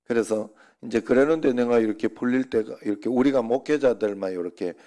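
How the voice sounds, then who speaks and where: A man's voice: medium pitch, a little fast, warm tone. A middle-aged male pastor telling rambling, joking stories to his congregation in an informal sermon. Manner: chatty, joking, rambling anecdotes.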